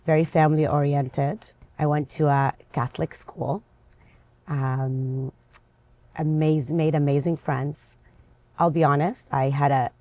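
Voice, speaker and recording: A woman from Lebanon, an interview guest, talking in a lively, chatty and restless way. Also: deep voice. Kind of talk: casual interview conversation.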